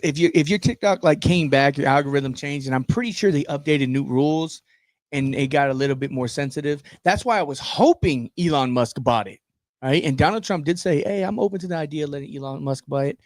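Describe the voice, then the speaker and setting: A man co-hosting a podcast in casual chat, crude and joking, often bursting into loud laughter. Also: fairly high pitch, a little fast, dry recording. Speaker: podcast co-host.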